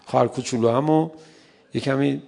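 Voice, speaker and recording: A man's voice: mid-range voice, steady tone, vocal fry, darkish tone. A middle-aged man giving a humorous lecture to an audience, often laughing and acting out short dialogues. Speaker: speaker addressing an audience on parenting. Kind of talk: lively lecture.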